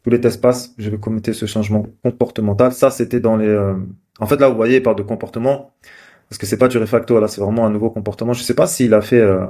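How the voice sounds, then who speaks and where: A man's voice: fairly low pitch, darkish tone. A man casually talking through code on screen, thinking aloud with many fillers and restarts. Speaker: developer live-coding host. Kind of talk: casual screen-share commentary.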